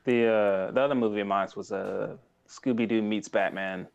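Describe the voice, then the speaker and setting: A podcast co-host in his thirties chats casually, rambling excitedly through retellings and slipping into quoted dialogue. His low voice has a noticeable creak at the edges and a moderate pace, and the recording's highs are cut off.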